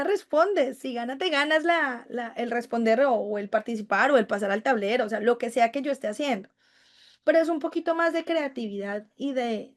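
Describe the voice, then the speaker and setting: A woman giving a conversational online lecture to teachers, explaining with examples and often restarting her sentences. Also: a little high. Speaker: university teaching instructor. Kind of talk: live online class lecture.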